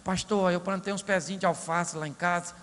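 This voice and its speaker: A man's voice: sits high, fairly even intonation, a little fast, fairly bright tone, big-room sound, voice pushed down. A man putting on a whiny pleading church sister. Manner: whiny, pleading, repeating "pastor". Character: fretful middle-aged church sister pleading.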